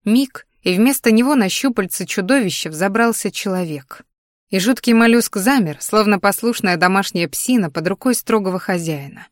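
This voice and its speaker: A woman reading a first-person fantasy audiobook in an expressive, dramatic way. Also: medium pitch, normal speed, dry recording, clean studio sound. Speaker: audiobook narrator.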